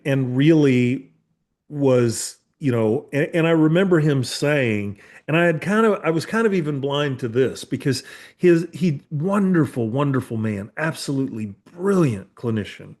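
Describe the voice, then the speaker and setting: A man's voice: medium pitch, darkish tone. A man in his fifties, a therapist hosting a podcast, chatting casually with many restarts and casual swearing. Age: 50s. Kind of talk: casual conversation.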